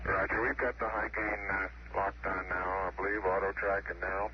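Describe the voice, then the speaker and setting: A man in a spacecraft speaking over a two-way radio, brisk and matter-of-fact, with fillers. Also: low voice, flat delivery. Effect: two-way radio transmission. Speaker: astronaut. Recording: noisy muffled archival radio audio.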